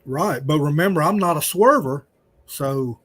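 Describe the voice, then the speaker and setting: A man's voice: on the high side, expressive, measured pace, fairly bright tone, slightly rough. A man in a casual podcast chat, plain-spoken and wry, with some swearing.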